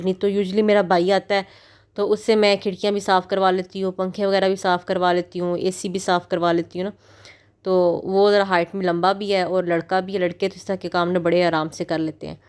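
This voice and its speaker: A woman's voice: medium pitch, smooth. A woman in her thirties from Pakistan, a mother narrating her home routine in a chatty vlog voice-over with many fillers. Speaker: vlogger, mother.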